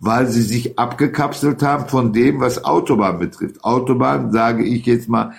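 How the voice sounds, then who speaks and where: A man's voice: medium pitch, normal speed, gravelly. A man, talking politics in an emphatic, rambling way as a guest. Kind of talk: heated political talk.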